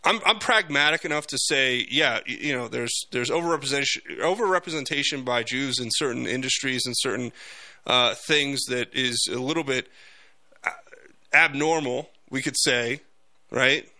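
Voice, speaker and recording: A man hosting a political talk podcast, speaking off the cuff in a halting but emphatic monologue. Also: mid-range voice, pushed and bright, no room sound.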